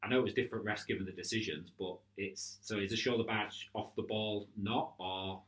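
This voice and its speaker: A man's voice: fairly low pitch, steady tone, fairly quick, a bit bright. A man co-hosting a casual futsal podcast, agreeing often and recounting match incidents. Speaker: futsal club podcast co-host.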